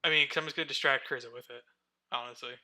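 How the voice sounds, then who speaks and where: A man's voice: mid-range voice, fairly even intonation, fast, bright, forceful tone. A man playing a tabletop game who talks casually, stumbling and laughing as he thinks aloud. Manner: hesitant, giggly, stumbling. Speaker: player.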